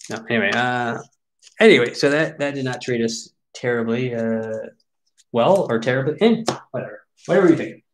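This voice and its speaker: At a moderate pace and in a mid-range voice, a forties-aged man hosts a card break, opening packs and joking grumpily about his pulls in a wry, casual way. There is slight background noise.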